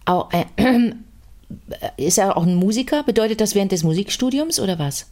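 A woman co-hosting a podcast, chatting casually, joking and chiming in quickly. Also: mid-range voice, lively intonation, darkish tone, slight background noise. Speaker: podcast co-host. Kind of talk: casual chat.

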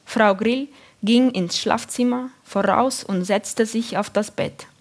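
Woman calmly reading a story. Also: fairly high pitch, slow. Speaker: narrator. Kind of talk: audiobook reading.

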